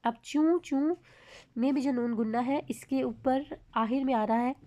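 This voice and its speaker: A woman teaching a children's grammar lesson, her voice sitting a little high. She has a Pakistani Urdu accent and explains patiently, stretching each example word out slowly and clearly. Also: warm tone. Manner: explains slowly, reads example words drawn out.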